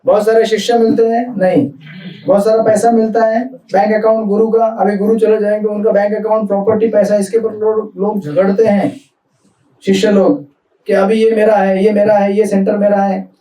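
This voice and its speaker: In an echoey hall, picked up by a distant mic, a man delivers a devotional talk in conversational, Hindi-mixed speech and quizzes his audience as he goes. He is a spiritual speaker with a high-pitched, mellow voice, flat delivery, and normal speed.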